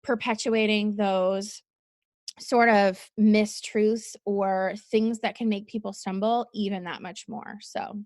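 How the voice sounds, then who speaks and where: A woman's voice: medium pitch, fairly even intonation, takes it slowly, a little mellow, dry recording, studio quality. A woman co-hosting a podcast, chatting in a friendly, easygoing way and laughing easily. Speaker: podcast co-host. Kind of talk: casual podcast discussion.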